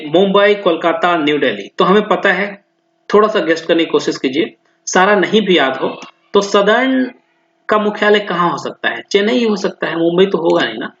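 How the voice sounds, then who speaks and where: A man's voice: sits high, fairly bright tone. A man tutoring students through exam questions, thinking aloud, repeating answers and speaking to them directly. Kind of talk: explanatory lesson, solving exam questions. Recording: roomy, dull lo-fi sound.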